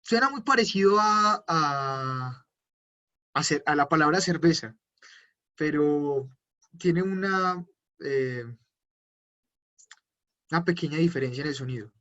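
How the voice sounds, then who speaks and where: A man teaching an online language class, patiently repeating words slowly for his students. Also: fairly high pitch, animated, sharp tone, lo-fi sound. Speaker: German teacher.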